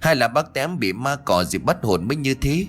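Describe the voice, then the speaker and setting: A man's voice: mid-range voice, lively intonation, a little fast, faint music behind, voice pushed up, lightly acted. A man voicing a distraught young man who cries out in a raised, pleading voice in a ghost story.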